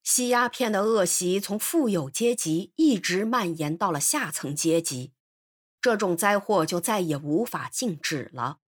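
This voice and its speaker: A woman narrating a novel in an expressive, animated storytelling voice. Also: on the low side, measured pace.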